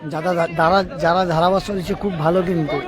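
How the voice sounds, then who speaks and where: Man, West Bengal Bengali accent, live match announcer, strikingly high voice, fast repetitive delivery, outdoor crowd. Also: steady tone. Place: outdoors at a football ground. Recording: loud crowd noise, outdoors.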